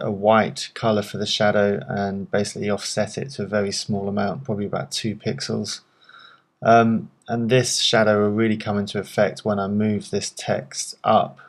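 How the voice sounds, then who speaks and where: A man with a fairly low voice narrates a screen-recorded software walkthrough. He explains each step calmly and in order, filling pauses with ums. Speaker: software tutorial presenter.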